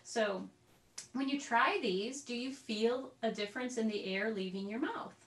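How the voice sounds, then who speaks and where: A woman's voice: fairly high pitch, unhurried, a bit bright, recorded from a distance. A woman teaching a group recorder lesson over a video call, explaining in a chatty way with little asides. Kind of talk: online group music lesson. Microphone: computer mic on a video call. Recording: roomy video-call audio from off-mic.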